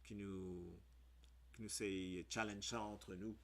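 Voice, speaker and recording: A man with a Mauritian Creole accent leads a casual lesson on radio. His voice sits fairly low and he speaks slowly and unhurriedly. He spells out words letter by letter, with plenty of hesitant fillers. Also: fairly even intonation, fairly bright tone.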